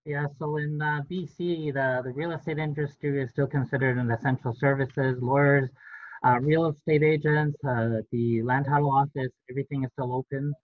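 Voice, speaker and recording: A middle-aged man walks listeners through legal points on a panel video call, steady and explanatory with frequent ums. His voice comes through a thin, phone-like line. There is no room echo at all. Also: mid-range voice. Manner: explanatory, measured, frequent fillers. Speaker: real estate lawyer. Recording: dry, tinny phone-like line.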